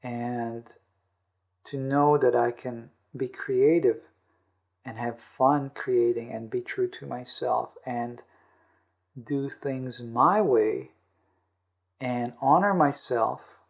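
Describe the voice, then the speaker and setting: A podcast host and author, interviewed about self-help, explains personal-growth ideas in a medium-pitched voice with a noticeable creak. He sounds earnest, often repeating or rewording phrases as he builds a point, and the audio is dull.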